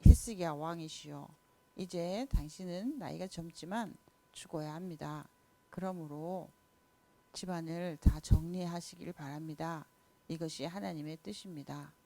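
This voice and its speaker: A woman voicing a grave male prophet who speaks in a low, formal, measured way in a children's Bible story. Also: dark tone. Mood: solemn.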